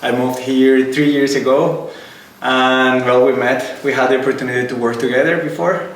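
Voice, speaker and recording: A man's voice: mid-range voice, steady tone, normal speed, distant mic, slight background noise. A man in his thirties from Colombia with a Colombian accent, speaking English as a guest in a casual podcast conversation, thoughtful and hesitant. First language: Spanish. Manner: thoughtful, with frequent hesitations and restarts. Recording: echoey room, a little off-mic, faint ambience.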